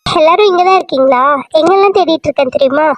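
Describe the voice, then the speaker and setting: A woman's voice: extremely high pitch, quick pace. A woman voicing a cheerful, carefree young woman in a cartoon serial, talking in a chatty, bubbly way.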